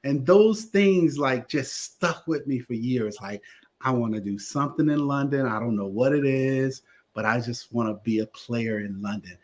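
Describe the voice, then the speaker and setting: A man from Connecticut, a guest attorney and theater producer, telling stories in a casual interview with animated delivery. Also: mid-range voice, moderate pace. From Connecticut, USA. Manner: animated storyteller, lively voices in anecdotes.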